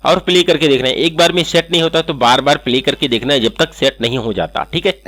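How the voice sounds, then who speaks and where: A man hosting an animation software tutorial, walking through each step and checking in with "okay" again and again. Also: fairly high pitch, quick pace. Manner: step-by-step, repeats "ठीक है" often. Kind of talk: screen-recorded software tutorial.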